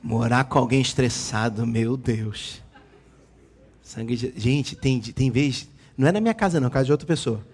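A man preaching a lively sermon, joking with the congregation and acting out quotes. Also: medium pitch, moderate pace. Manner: animated, jokes with the congregation, acts out quotes. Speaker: pastor.

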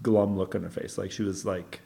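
Young man, co-host, gravelly voice, rambling and hesitant. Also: deep voice, level tone, brisk, warm tone, slight background noise. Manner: rambling, hesitant, many restarts. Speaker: podcast co-host. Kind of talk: casual chat.

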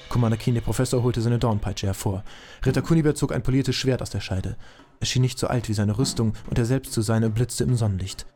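A man narrating an amateur audio drama in a dry, matter-of-fact way. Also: medium pitch.

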